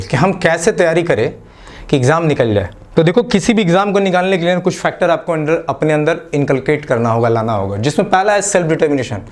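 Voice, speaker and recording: High-voiced Jharkhand man coaching exam aspirants. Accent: Jharkhand Hindi. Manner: motivational, mixes Hindi with English phrases; casual, repeats "ठीक है" as a filler. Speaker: exam coaching channel host. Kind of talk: exam-prep talk to the camera.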